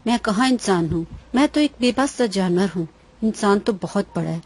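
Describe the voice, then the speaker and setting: A woman's voice: medium pitch, expressive, a little mellow, slightly rough. A woman voicing a meek hippo. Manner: self-deprecating.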